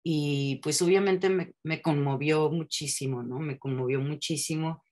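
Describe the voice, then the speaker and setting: Woman, low voice, candid podcast guest talk, casual swearing. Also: fairly even intonation, measured pace, darkish tone. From Mexico. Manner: candid, frequent tag questions, restarts and swearing. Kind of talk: casual conversational chat.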